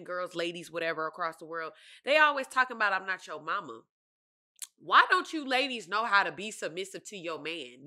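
Animated, bright-voiced woman podcast co-host. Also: medium pitch. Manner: animated storyteller, laughs often, slangy and blunt. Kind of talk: casual chat.

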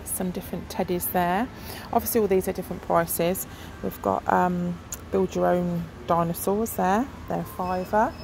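Inside a large, noisy discount shop, a middle-aged vlogger films the aisles on her phone and chats casually, thinking aloud with many ums. Her voice is lowish, gravelly and a little mellow, with a steady tone, normal speed and few pauses.

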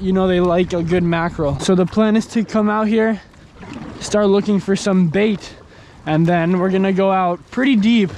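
A man's voice: high-pitched, a little hiss or hum. Young man explaining fishing from a kayak. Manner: relaxed, instructional, talks while handling gear. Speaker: fishing vlogger. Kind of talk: casual outdoor explanation. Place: kayak on open ocean, outdoors. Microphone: action camera on a mount.

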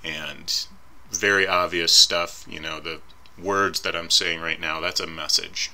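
A man lectures over slides in a casual, conversational way, pausing on fillers and fixing his own slips. His voice sits very low but has a crisp, forceful brightness. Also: steady tone. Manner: informal, thinking aloud with fillers and self-corrections. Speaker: instructor.

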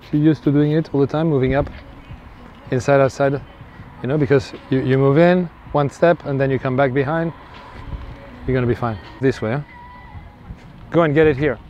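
A man coaching a tennis player on court, giving short instructions and quick bursts of encouragement. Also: a little high, darkish tone. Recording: dull lo-fi sound, faint outdoor noise.

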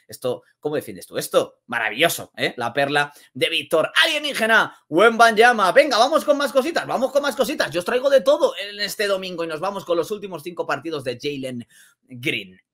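A man with a Spain Spanish accent giving casual basketball commentary, energetic and exclamatory, repeating phrases for emphasis. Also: a little high, a little fast. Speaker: basketball vlogger.

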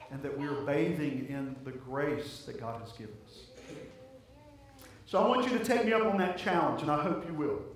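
A man with a high voice preaches a sermon, earnest and conversational, leaning on repetition to drive each point home. The sound comes from a distance in a big, strongly echoing church, with a faint hiss behind it. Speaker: pastor. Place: church sanctuary. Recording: very echoey church, heard from a distance.

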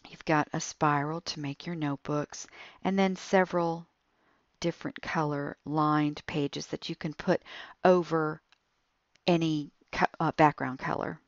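A woman with a low voice talks slowly through a tablet app tutorial, explaining each step. The recording is dull and dry, with soft tapping clicks behind her. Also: steady tone, no echo.

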